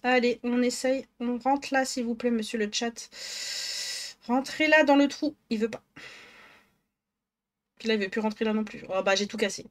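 A woman's voice: a little high, normal speed, long pauses. A woman streaming live, chatting casually with her viewers, greeting them by name and joking about herself. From northern France. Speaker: Twitch streamer. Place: home office.

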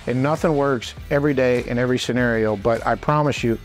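A man's voice: medium pitch, quick pace, faint music behind. A man in his forties gives an informal, plain-spoken instructional talk to camera, explaining things in a folksy way. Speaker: instructor and presenter. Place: small indoor wooden workshop.

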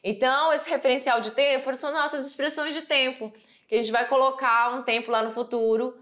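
A woman with a Brazilian accent teaching an English grammar lesson. She explains patiently, repeats key phrases and slows down to read out the English examples. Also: high voice, fairly even intonation, a bit bright. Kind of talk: recorded class lesson.

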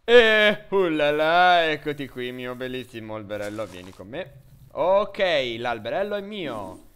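A man giving excitable let's play commentary, swinging between loud shouts and low grumbling. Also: moderate pace. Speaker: gamer.

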